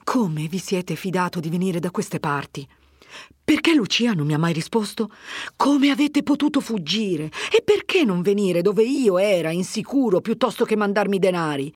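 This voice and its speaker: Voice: mid-range voice, animated, husky, no echo, studio quality, pitched above the performer's own voice. A reader voicing an anxious older village mother. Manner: worried, pleading, rapid questions.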